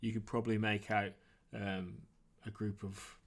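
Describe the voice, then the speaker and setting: As game master of a tabletop role-playing game, a man narrates the scene in a halting, improvised, conversational way. His voice is fairly low and level in tone.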